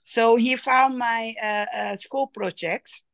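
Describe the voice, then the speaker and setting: A woman's voice: a little high, steady tone, slow, no room sound. A woman from Thailand, a tattoo artist guest, giving short, hesitant answers in a casual interview. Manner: shy, brief hesitant answers.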